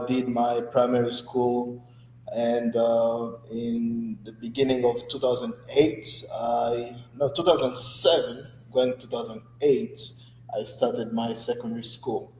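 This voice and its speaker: A man in his twenties from the Democratic Republic of Congo, a guest in an interview, telling his story in a relaxed way with many fillers. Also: mid-range voice, takes it slowly, echoey room, long reverb tail, a little hiss or hum, rough recording. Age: 20s. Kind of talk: conversational interview.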